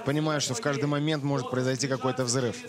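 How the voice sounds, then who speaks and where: A man's voice: mid-range voice, steady tone, quick pace, crowd noise. A man co-commentating on a fight live, explaining the action analytically.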